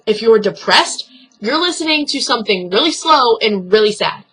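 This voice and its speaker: A young woman talks straight to camera in a casual advice vlog. Her voice sits a little high and rings bright and forceful. She is blunt and earnest, and the swearing comes out easily. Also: expressive, normal speed, husky, low-quality recording. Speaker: vlogger.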